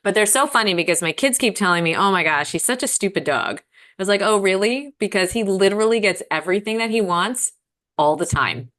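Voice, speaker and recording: A woman's voice: medium pitch, lively intonation, fairly quick, fairly bright tone. Chatty woman co-hosting a podcast. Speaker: podcast co-host. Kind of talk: casual podcast chat.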